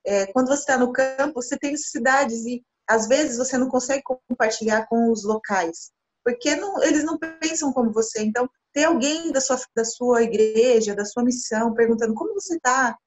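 A Brazilian missionary in her thirties speaks briskly in a fairly high voice, earnest and gesturing expressively as an interview guest on a video call. She sits beside her husband in a small indoor room, and the laptop camera mic gives dull, lo-fi audio.

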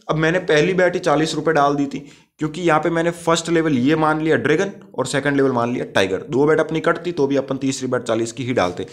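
Pushy, chummy man with a high-ish voice. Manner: direct and repetitive, often checking the listener understood; calls the viewer brother, chummy and insistent. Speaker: YouTube gaming-tips host. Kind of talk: casual tutorial narration over gameplay.

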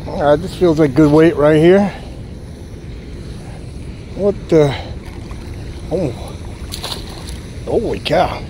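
A man magnet fishing at the edge of a city pond keeps up relaxed commentary for viewers, exclaiming at each find. His voice is fairly high, slow and broken by long pauses. The outdoor chest-mounted action camera catches loud wind and water sounds.

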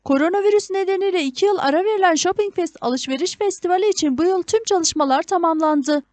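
A woman's voice: very high voice, quick pace, darkish tone, no echo. A woman reading a scripted news report as a reporter's voice-over.

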